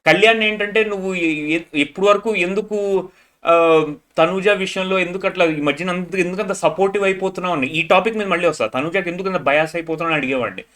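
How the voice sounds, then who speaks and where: A man's voice: quick pace, fairly bright tone. A man giving a frank, opinionated review, mixing in English phrases. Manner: frank, mixes English phrases, mimics people in low mocking voice. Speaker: show reviewer. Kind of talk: casual opinionated review monologue.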